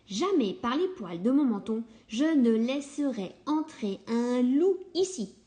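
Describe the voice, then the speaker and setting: A woman voicing a lazy, rude little pig who shouts insults at a kind wolf in a storybook tale. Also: on the high side, very animated. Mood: rude shouting. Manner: shouting, quick and insolent. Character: rude, loud, lazy little piglet boys.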